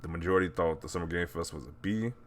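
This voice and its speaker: Reacting to social media posts, a video host talks fast in a low voice over slight background noise. He sounds incredulous and mocking in his casual commentary, chuckling often.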